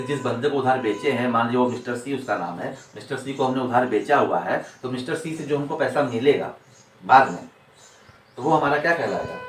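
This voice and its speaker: A man teaching accounting in a classroom lecture, repeating points and answering his own rhetorical questions. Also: mid-range voice. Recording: echoey room, distant mic, faint noise.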